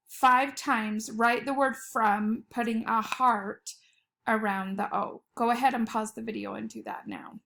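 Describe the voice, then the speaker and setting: A woman's voice: on the high side, gravelly, fairly bright tone. A woman teacher giving a recorded spelling lesson from home, patiently sounding out letters and words. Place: home at night.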